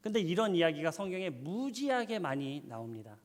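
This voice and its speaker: A man's voice: fairly high pitch, sing-song, brisk. A man preaching a sermon, telling a story with animation and quizzing his audience. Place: church. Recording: long church hall reverb.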